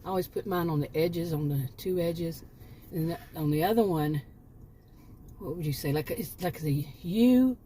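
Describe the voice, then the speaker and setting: In her rambling vlog, a homemaking woman in her late fifties talks casually, correcting herself and laughing at her asides. Her lowish voice is warm and at normal speed, with a slight hiss or hum.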